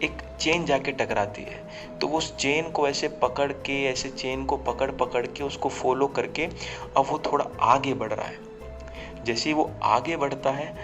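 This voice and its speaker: A man's voice: mid-range voice, fairly even intonation, unhurried, music in the background. A man casually telling a horror story, talking directly to listeners, on a slightly muffled recording. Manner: conversational, addresses listeners directly.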